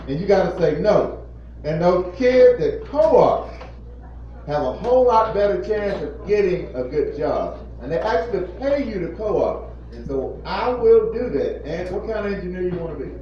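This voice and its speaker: A plant manager in his fifties gives an informal motivational talk to a group of children, earnest and repetitive with preacherly emphasis. His voice sits high and animated at a moderate pace. The recording sounds echoey, distant, and muffled, with faint noise in the room.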